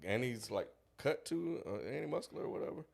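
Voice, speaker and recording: Relaxed man reading chat questions. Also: medium pitch, a little fast, vocal fry. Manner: relaxed, reads out listener questions. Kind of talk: casual chat.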